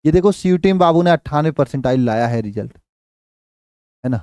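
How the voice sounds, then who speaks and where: A somewhat high-voiced man teaches a chemistry class in Hindi. He counts slowly, quizzes his students and repeats answers back to them. His voice climbs when he stresses a rule, and the close mic keeps the sound dry. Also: expressive, warm tone, smooth, dry recording. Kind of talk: live online class teaching.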